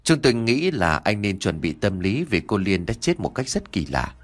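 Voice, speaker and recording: Narrator doing a serious cop, deep and hushed. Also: male voice, sing-song. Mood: grave. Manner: low and measured. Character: grave, calm male police officer.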